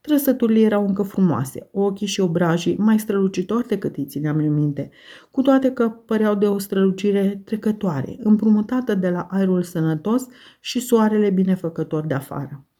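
A woman reading a classic novel aloud in an audiobook, measured and steady. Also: mid-range voice. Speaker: audiobook narrator.

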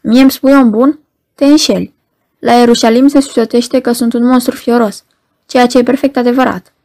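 A woman reading the lines of a stern, ailing Roman procurator, speaking quietly in a flat monotone without raising her voice. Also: fairly high pitch, close to an everyday voice. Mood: cold. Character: cold ailing Roman procurator, stern middle-aged man.

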